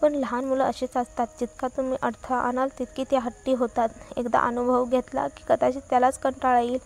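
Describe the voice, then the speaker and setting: A woman voicing a timid, caring young nanny who pleads gently. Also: high voice, level tone, fairly quick, gravelly. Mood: pleading.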